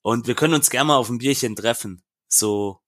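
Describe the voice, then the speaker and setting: A man co-hosting a casual football podcast, giving calm, deliberate opinions. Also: mid-range voice, dry recording, studio quality. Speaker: podcast co-host.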